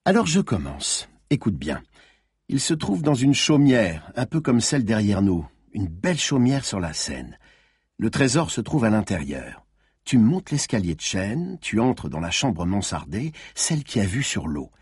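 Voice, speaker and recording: A man's voice: on the low side, very animated, unhurried, a little mellow, slightly rough, no echo, clean studio sound, full character voice. A man voicing a playful young woman who teases a sleepy lover and dreamily describes her idea of treasure. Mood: dreamy. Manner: teasing, playful, wistful.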